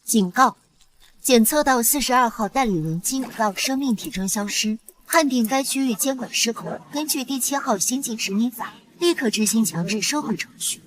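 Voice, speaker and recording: A woman voicing a calm female mech system computer, making flat, even announcements in an animated sci-fi drama. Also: a little high, normal speed, lightly acted, rough recording.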